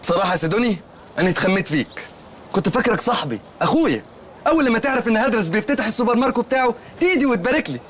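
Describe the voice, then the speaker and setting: A naive Egyptian shopkeeper. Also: male voice, sits high, sing-song, racing, a bit bright, slight background noise. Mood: earnest. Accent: Egyptian Arabic. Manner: rambling, literal-minded storytelling. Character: naive male shopkeeper, simple-minded and earnest. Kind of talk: comedy film dialogue.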